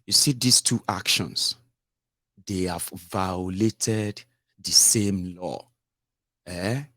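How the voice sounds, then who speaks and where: Guy doing political commentary, slow, keeps asking "okay?", dry mic. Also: low voice, pushed and bright, no room sound. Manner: explains slowly with rhetorical tag questions. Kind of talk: live-stream political commentary.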